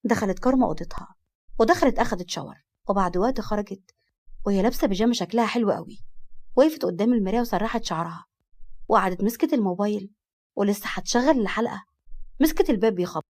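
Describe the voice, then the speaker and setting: A woman with an Egyptian accent narrating an audio story in a brisk storytelling way. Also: medium pitch, a little mellow.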